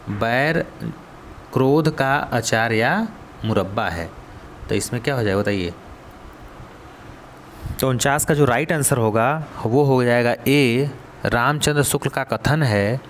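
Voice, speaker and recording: A man's voice: mid-range voice, slight background noise. A male coaching teacher with a Hindi accent going through exam questions. He asks the students, then answers and repeats the key words. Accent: Hindi, Varanasi region.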